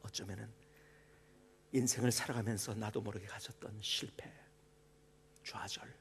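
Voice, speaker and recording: A middle-aged man preaching a sermon as pastor, dropping to hushed whispers and rising to loud, impassioned cries. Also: lowish voice, fairly even intonation, moderate pace, a little hiss or hum.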